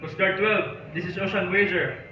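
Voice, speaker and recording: A man's voice: high-pitched, fairly even intonation, normal speed, over music, lightly acted. A man playing a ship captain who makes formal marine radio calls, repeating call signs and signing off with "over.". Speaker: ship captain in a role-play. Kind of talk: amateur maritime emergency role-play. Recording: echoey room from far off, dull sound, crowd behind.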